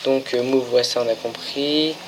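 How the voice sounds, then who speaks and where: A man casually commenting on a horror game as he plays, pausing often and stumbling when he reads the English text aloud. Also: mid-range voice, steady tone. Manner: hesitant, lots of filler pauses, stumbles reading English. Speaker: gaming channel host. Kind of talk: casual let's-play commentary. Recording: noisy home recording.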